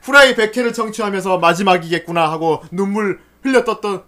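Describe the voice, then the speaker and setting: A man's voice: sits high, a little fast, very noisy. A man co-hosting a casual podcast, reading donation messages with playful, theatrical jokes. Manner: playful, jokey, theatrical outbursts. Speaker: podcast co-host.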